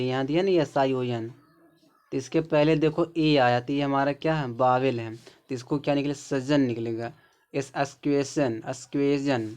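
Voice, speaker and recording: A man with a Hindi accent teaching English pronunciation, explaining slowly and repeating words, often checking in with the viewer. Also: medium pitch, a little mellow, smooth.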